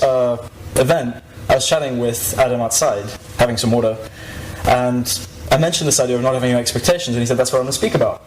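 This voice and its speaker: Man aged 21, informal podium speech, hesitant and reflective, mid-pitched voice, noise in the live recording. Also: echoey room, poor audio. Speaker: activist giving a talk. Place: live event stage before an audience.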